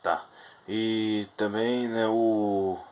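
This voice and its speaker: A man's voice: on the low side, level tone, very slow, darkish tone, rough recording. A man with a Brazilian Portuguese accent giving a rambling, hesitant spoken film review, full of restarts.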